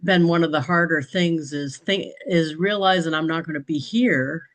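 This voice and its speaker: A woman's voice: deep voice, normal speed, poor audio. Rambling, chatty woman in casual talk. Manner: rambling, chatty, with frequent restarts and light laughter. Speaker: business training participant. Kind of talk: casual group chat.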